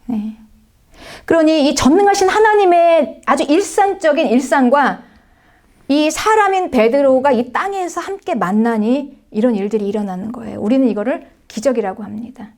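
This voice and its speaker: A woman pastor preaching with a fairly high voice. She tells the scripture like a lively story, acts out the characters' lines, and drops now and then to a near-whisper. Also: moderate pace. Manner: frequent affirming asides and soft drops to near-whisper. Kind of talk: sermon.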